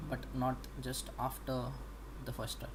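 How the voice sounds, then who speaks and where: A young man with an Indian English accent, an animation student thinking aloud while he works. He talks haltingly, with many pauses as he explains. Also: mid-range voice. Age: young adult. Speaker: animation student streaming practice. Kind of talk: casual think-aloud livestream. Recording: steady background noise.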